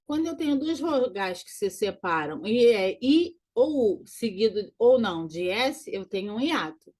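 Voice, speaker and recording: A woman teaching grammar in a recorded lesson, walking through exam answers and slowly repeating key words. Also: medium pitch, big pitch swings, darkish tone. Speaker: Portuguese teacher.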